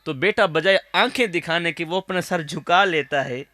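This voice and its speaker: A man with a Saraiki accent preaching an emotional, declamatory sermon to a gathering, calling his listeners brothers and rising at times to shouting. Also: a little high, no room sound.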